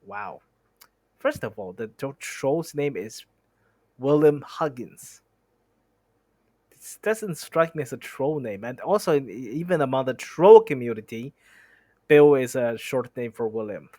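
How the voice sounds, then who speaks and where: A young man reads a novel aloud at an even, ordinary pitch, now and then tripping over a word or stopping to chat about it. He sits close to the mic, and the sound is dry with no room echo. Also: unhurried. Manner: reads steadily, stumbles on words and stops to comment. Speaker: streamer reading a novel aloud. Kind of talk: reading a book aloud with asides.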